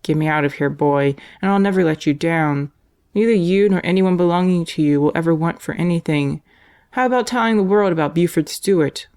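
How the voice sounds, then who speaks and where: Scheming male convict, as a woman narrator reads him, sneering, low voice, audiobook. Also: a little fast, a little mellow, clean tone, close to an everyday voice. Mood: coaxing. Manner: sneering, then ingratiating. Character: mocking, scheming male death row inmate.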